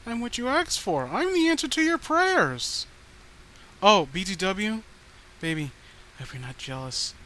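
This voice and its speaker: In a horror story reading, a man voices an unhinged, clingy, murderous girlfriend who is volatile, pleading and cloying, swinging from rage to sweetness in a sweetly possessive mood. His voice sits high and is pushed up and exaggerated, very animated, bright and forceful, at a measured pace. Background noise is noticeable.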